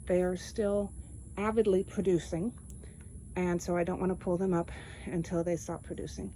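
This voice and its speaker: A woman's voice: lowish voice, level tone, moderate pace, mellow, slight background noise, rough recording. A woman from East Texas walking through her backyard garden, explaining step by step in a plain, casual way. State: out of breath. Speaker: home gardener. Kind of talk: casual walk-through narration.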